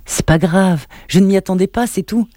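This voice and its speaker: A man's voice: high-pitched, moderate pace, warm tone, no room sound, studio quality, voice pushed up, lightly acted. Man voicing Emma, edgy woman in thirties. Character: woman in her thirties, guarded, quick-tempered, fond. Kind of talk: audiobook narration.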